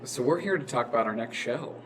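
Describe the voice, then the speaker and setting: A woman's voice: a bass voice, expressive, fast talker, a little hiss or hum. A woman co-hosting a casual podcast, playful and agreeable, often chiming in with short affirmations. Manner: playful, agreeable, many backchannels. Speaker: podcast co-host. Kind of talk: casual chat.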